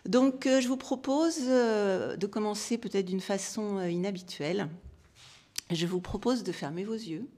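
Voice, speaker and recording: A woman's voice: mid-range voice, a little slow, mellow. A woman, giving an academic symposium talk as a historian, hesitant with many fillers and restarts.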